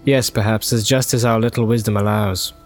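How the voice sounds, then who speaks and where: A man's voice: lowish voice, steady tone, soft background music, lightly acted. A man doing a grave, stately captain. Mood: solemn. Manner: measured, formal and solemn. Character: grave noble male captain, stern and just. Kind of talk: audiobook character voice.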